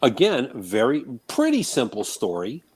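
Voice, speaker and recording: A man talks through his cell phone, and a slight echo trails his voice. His pitch sits in the middle and moves a lot as he chats. He rambles through long, loose thoughts in a casual way. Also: huge pitch swings, a little slow, darkish tone, breathy edge. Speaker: call-in guest. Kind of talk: casual chat.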